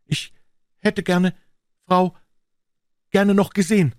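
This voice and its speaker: A man doing a young officer, high and pleading. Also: steady tone, slow, no echo, clean studio sound. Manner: pleading, stammering. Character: young, shy, grief-stricken male officer.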